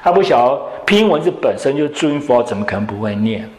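A male English teacher, lecturing a classroom and quizzing students with quick questions. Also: medium pitch, big pitch swings, a little mellow. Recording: echoey classroom.

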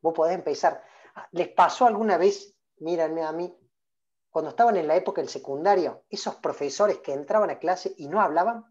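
In an online workshop, a Rioplatense speaking trainer around forty draws people in by name and keeps asking questions. His fairly high, darkish voice moves at a moderate pace, and the video-call sound is dull.

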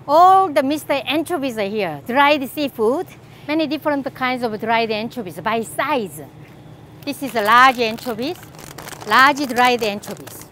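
In a casual shopping walkthrough, a middle-aged Korean-accented woman from Korea who runs a cooking channel shows grocery items to the camera across large indoor store aisles, chatty, enthusiastic and laughing often. Her voice is fairly high, expressive and a bit bright at a measured pace, with slight hiss or hum.

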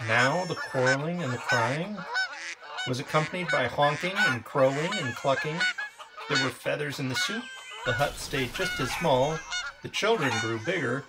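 A male pastor reading a children's story aloud in an expressive, lively way. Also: mid-range voice, moderate pace, heavy background noise.

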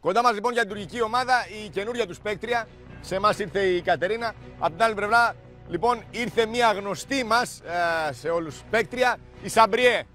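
A man's voice: high-pitched, brisk, over music. A man hosting a reality competition show, chatty, with frequent hesitant fillers. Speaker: show host.

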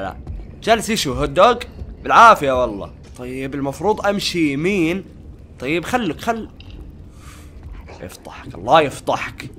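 Excitable high-voiced gamer man. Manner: excitable, panicky, talks to game characters. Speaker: gaming channel host. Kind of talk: let's-play commentary.

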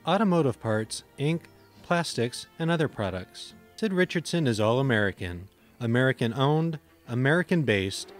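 A man reading a scripted promotional narration as an infomercial narrator. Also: medium pitch.

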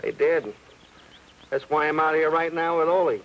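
An actor with a Brooklyn accent playing a cocky young mechanic who talks in brash, teasing wisecracks. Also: male voice, a little high, steady tone, moderate pace, highs cut off, close to an everyday voice. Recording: 1940s film soundtrack with faint music.

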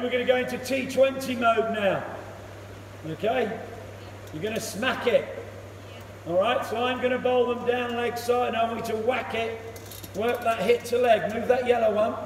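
High-voiced cricket coach in an echoey hall. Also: male voice. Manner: encouraging, brisk instructions and praise. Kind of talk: one-to-one coaching session. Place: indoor cricket net hall. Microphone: camera across the net, far off. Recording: echoey hall, voice from far off, loud noise.

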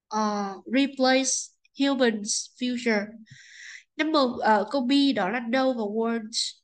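A woman teaching an English textbook lesson, with a slightly high voice. She speaks politely and keeps checking that her students follow with little tag questions. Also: poor audio.

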